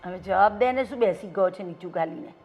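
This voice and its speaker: A woman's voice: mid-range voice, quick pace, dull audio, soft background music, natural voice. A middle-aged woman acting as a worried mother who complains about her son and the neighbours. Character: weary middle-aged mother fed up with gossip. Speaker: mother in a family drama. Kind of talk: Gujarati short-film acting.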